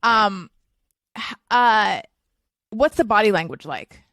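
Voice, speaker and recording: A woman's voice: medium pitch, lively intonation, takes it slowly, a bit bright, dry recording, clean studio sound. A woman co-hosting a podcast in casual chat, with a wry, teasing way of talking. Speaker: podcast co-host.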